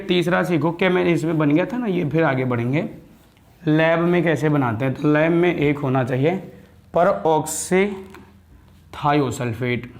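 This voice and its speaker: A man's voice: a little high, creaky. A male chemistry teacher lecturing in a voice that sits a little above the usual for a man. He fires questions at his class and answers them himself, calling his students "beta" as he walks them through each step. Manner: calls students "beta" and "bhaiya".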